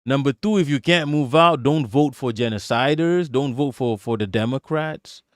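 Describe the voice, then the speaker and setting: A man plays a livestream political commentator using a put-on American accent, reading aloud before launching into a rant. He's emphatic and profane, frequently stuttering and repeating words, in a medium-pitched voice at normal speed; the sound is clean studio audio without echo.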